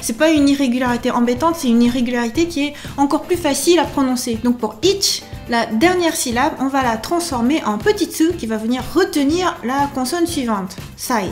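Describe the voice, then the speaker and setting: A woman giving an online language lesson, upbeat and chatty, slowly and carefully repeating examples. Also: high voice, darkish tone. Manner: slow, careful repetition of examples. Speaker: language teacher.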